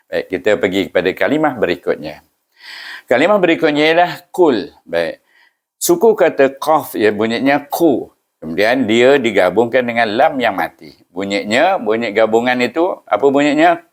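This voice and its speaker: A man with a Malaysian Malay accent, teaching Quran reading patiently, syllable by syllable, with slow chanted recitations. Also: medium pitch, big pitch swings. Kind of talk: step-by-step recitation lesson.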